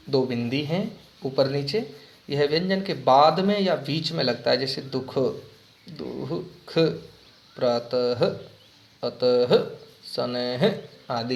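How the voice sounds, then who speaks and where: A man teaching a grammar lesson to children, asking them questions and repeating key words slowly. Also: mid-range voice, vocal fry. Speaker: Hindi teacher. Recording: echoey room.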